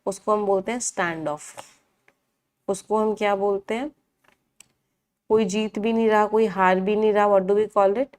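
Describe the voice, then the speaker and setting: A woman's voice: medium pitch, steady tone, measured pace, pauses often, a little mellow, clean tone. A woman teaching English vocabulary in a live online class, asking the class questions, answering them herself and repeating each meaning.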